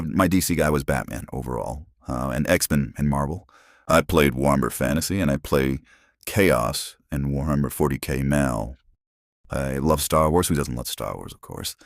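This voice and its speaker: On a dry, studio-quality recording, a man in his forties from Arizona rambles casually into a phone, frequently restarting. He hosts a channel and uses a voice changer that pitches him very deep.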